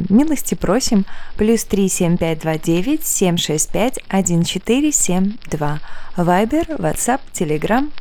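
A woman's voice: lowish voice, dark tone. A woman hosting a podcast in a playful, cheerful way, using affectionate slang. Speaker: podcast host.

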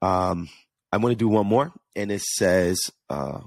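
Brief: male podcast host, New York–Jersey accent, very low voice, earnest solo monologue, dry close sound. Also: animated, a little slow, no echo. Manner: earnest, repeats words and restarts often.

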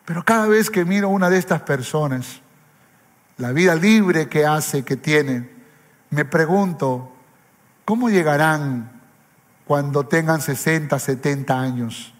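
A man's voice: fairly high pitch, a little slow. A man pastor preaching an impassioned sermon, fervent, repeating phrases for emphasis. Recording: reverberant hall with faint music.

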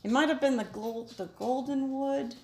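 A woman voicing a gruff male sailor fresh from port, with a weak put-on Scottish accent and halting, rambling speech. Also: high voice. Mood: recalling. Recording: echoey room with background noise.

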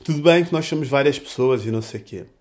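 A man's voice: mid-range voice, fast talker, a little mellow. A young man with a European Portuguese accent, talking in a casual reflective monologue full of slang, restarts and fillers.

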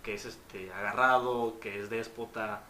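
A man's voice: on the low side, a little slow, a crowd in the background. Slangy Mexican man telling stories. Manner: storytelling, slangy, animated retellings. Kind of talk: casual chat. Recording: roomy with faint noise.

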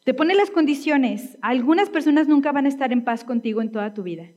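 A woman's voice: high-pitched, lively intonation, a little fast, a little mellow. A woman pastor preaching a sermon in a conversational way, often checking in with tag questions.

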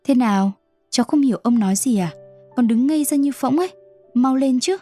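A woman's voice: mid-range voice, normal speed, warm tone, no echo, soft background music, lightly acted. A woman voicing a stern old male street performer in a storybook reading, with curt, commanding speech. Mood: impatient.

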